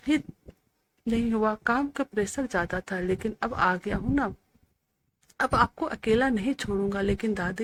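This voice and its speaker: A woman's voice: medium pitch, fairly bright tone, a little hiss or hum, lightly acted. A woman voicing a devoted young grandson who speaks earnestly and sometimes sharply, in a storybook narration. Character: young man, devoted grandson, quick to anger.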